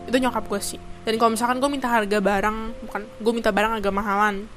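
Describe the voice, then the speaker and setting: A woman's voice: on the high side, steady tone, fast, fairly bright tone, faint music behind. A young woman from Indonesia, chatting casually to camera, full of fillers and bits of English. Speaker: vlogger.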